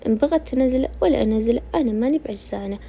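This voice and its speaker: A woman voicing a gentle, peacemaking Najdi mother. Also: on the high side, rapid-fire, slightly rough. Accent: Najdi Saudi.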